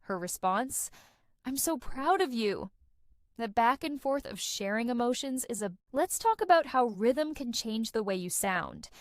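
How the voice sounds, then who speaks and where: A young adult woman hosting a podcast for English learners, narrating a script in an expressive, conversational way. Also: fairly high pitch, normal speed, few pauses, no echo, studio quality. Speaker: podcast host.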